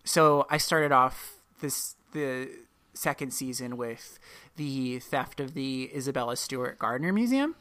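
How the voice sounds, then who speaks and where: A woman's voice: rumbling low, lively intonation, unhurried, fairly bright tone. A woman hosting a podcast, telling a story in a rambling, self-correcting way. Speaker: podcast host. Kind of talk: casual podcast chat.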